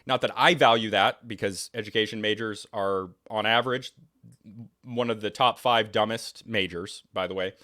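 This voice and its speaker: A man's voice: on the low side, steady tone, normal speed, pushed and bright. A young man from New England, talking in casual conversation as a podcast guest, rambling and opinionated with many restarts and fillers. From New England, United States.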